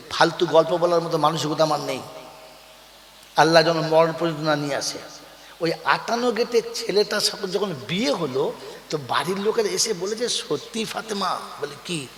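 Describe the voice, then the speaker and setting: A man's voice: fairly high pitch, fairly bright tone, reverberant, long reverb tail. A man preaching a sermon to a gathering, calling out questions for the crowd to answer and telling folksy stories with acted quotes. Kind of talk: Bengali waz sermon to a crowd.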